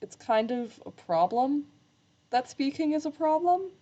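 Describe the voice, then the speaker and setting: A woman streaming live while she sews, chatting casually in a rambling, self-deprecating way, with slight vocal fry when she talks low. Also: sing-song, measured pace, mellow, dull audio. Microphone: desk microphone.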